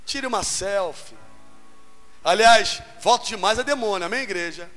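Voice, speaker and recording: High, bright-voiced Brazilian preacher. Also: male voice, normal speed, long reverb tail, faint music behind. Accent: Brazilian Portuguese. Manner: animated, calls out to the congregation for amens. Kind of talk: sermon.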